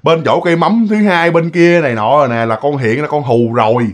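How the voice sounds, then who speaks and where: A man's voice: on the high side, fairly quick, natural voice. A man voicing a wronged ghost who has possessed a woman, speaking in a matter-of-fact, pleading way. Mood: confessing.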